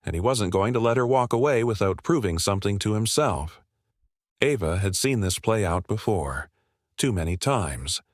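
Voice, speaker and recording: A man reading a scripted dramatic story as narrator, in a steady, even delivery. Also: on the low side, moderate pace, no echo, studio quality.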